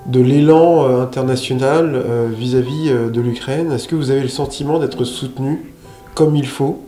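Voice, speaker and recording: Male TV interviewer, hesitant, mellow voice, roomy echo, faint music. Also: medium pitch. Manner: slow questions full of hesitations. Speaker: interviewer, reporter. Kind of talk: local TV interview. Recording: echoey room with faint music.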